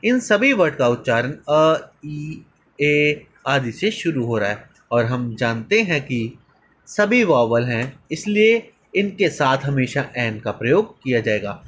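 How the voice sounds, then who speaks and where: A man teaching English grammar in a slow lesson, calling viewers children and reading examples slowly. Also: mid-range voice, sing-song, fairly bright tone, a little hiss or hum, rough recording.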